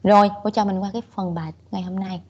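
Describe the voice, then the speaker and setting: A woman with a Southern Vietnamese accent leads an online English lesson at a mid-range pitch. She moves back and forth between English and Vietnamese, dropping in "okay" often. The audio is muffled and lo-fi. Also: fairly even intonation, quick pace, a little mellow, a little hiss or hum. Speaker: English teacher. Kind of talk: online class teaching.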